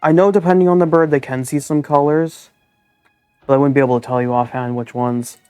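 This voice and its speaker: Dude streaming a game, chatty and sweary, medium voice, dry mic, faint music behind. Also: male voice, mid-range voice, fairly even intonation, brisk, darkish tone, clear, resonant tone, no echo. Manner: casual, swears freely, chatty asides. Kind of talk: casual live-stream commentary.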